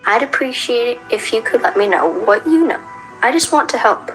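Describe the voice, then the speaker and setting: A woman voicing a friendly, caring young female creature in a fan cartoon, gentle and earnest. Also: a little high, lively intonation, fairly quick, soft background music, natural voice, poor audio. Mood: concerned.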